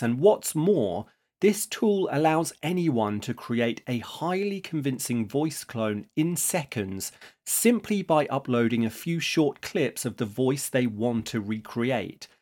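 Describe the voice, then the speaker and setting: A man hosts a podcast, reading his prepared script in a measured, explanatory way. His voice sits at a middling pitch for a man. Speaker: podcast host.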